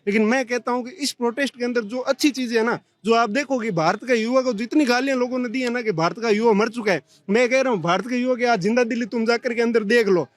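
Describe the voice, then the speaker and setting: A young man from Bikaner speaking as a protester in a heated street interview, talking fast and pleading with indignation. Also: extremely high pitch, no room sound. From Bikaner, India.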